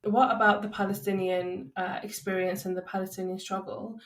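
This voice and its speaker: A woman hosting a podcast, asking measured, thoughtful questions. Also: medium pitch, flat delivery. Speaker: podcast host. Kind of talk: interview questions. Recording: roomy echo.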